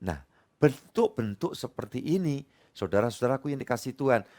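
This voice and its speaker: Animated pastor preaching. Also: male voice, medium pitch, brisk. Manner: emphatic, swings between soft asides and loud climaxes; humorous, addresses the congregation directly. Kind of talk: Bible study sermon. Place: church service.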